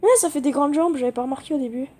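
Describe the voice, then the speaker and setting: A woman giving casual, excitable gameplay commentary, chatting with her viewers and swearing casually. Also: high-pitched, rapid-fire. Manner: talks directly to viewers. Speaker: gaming video creator.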